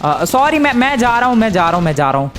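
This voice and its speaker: A man giving casual game commentary, excitable and exclaiming, talking to his viewers as friends. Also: sits high, fast, a little hiss or hum. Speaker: gameplay commentator.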